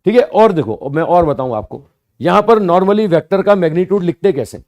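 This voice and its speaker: Slow, patient physics teacher, mellow voice. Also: male voice, high-pitched, animated. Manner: slow, repetitive explaining with rhetorical questions; addresses students as "bhaiya" and "sahab". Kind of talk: classroom lecture.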